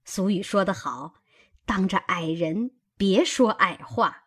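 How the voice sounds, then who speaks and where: A wheedling, fawning sister-in-law from an old storybook, coaxing and ingratiating, as a woman narrator puts her on. The voice is husky and unhurried. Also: medium pitch, expressive. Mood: sulky.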